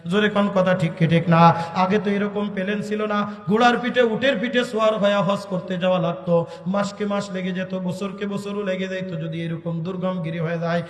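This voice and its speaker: High sing-song preacher. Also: male voice, fairly even intonation, brisk. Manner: sing-song chanting, calls to the audience. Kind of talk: chanted Bengali sermon. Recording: echoey hall, from far off.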